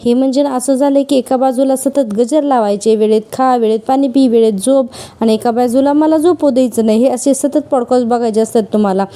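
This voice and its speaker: A woman's voice: fairly high pitch, a little fast, dark tone, close to an everyday voice. A woman putting on the voice of an irritated, short-tempered young wife while retelling a serial, scolding and exasperated.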